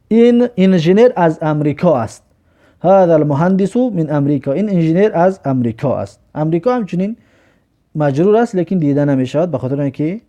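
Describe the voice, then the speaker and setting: Male Arabic teacher, higher-pitched and mellow; patient explainer who reads examples slowly. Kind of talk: recorded grammar lesson.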